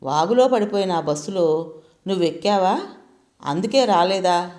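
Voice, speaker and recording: A woman's voice: on the low side, animated, measured pace, darkish tone. A woman reading aloud, voicing a kindly older uncle in a storybook tale who talks earnestly. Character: older uncle, shaken but kindly host.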